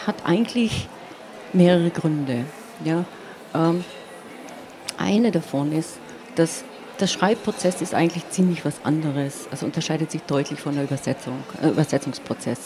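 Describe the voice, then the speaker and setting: A poet from Carinthia in southern Austria, whose first language is Slovenian, speaks as an interview guest in a reflective, explanatory conversation. Her voice is deep and her manner halting and searching, often tagging phrases with "ja." Clear ambient background noise fills the recording.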